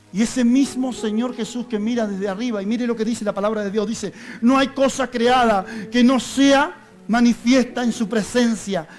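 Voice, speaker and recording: A male pastor giving an impassioned sermon, rising to loud cries and dropping to hushed pleading. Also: very high-pitched.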